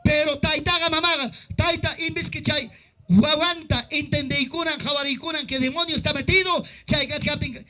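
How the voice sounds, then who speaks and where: A male pastor preaching a sermon in a mix of Quechua and Andean Peruvian Spanish, with an Andean Peruvian accent, shouting at times, then dropping his voice low. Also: fairly even intonation, moderate pace. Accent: Peruvian Andean Spanish mixed with Quechua.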